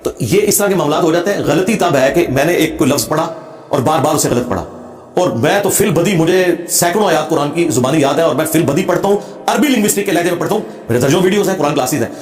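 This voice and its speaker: A man's voice: on the high side, lively intonation, fast talker, roomy sound. A man speaking as a religious speaker, lecturing emphatically and combatively and reciting Arabic phrases to make his point. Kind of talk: lecture answering a question.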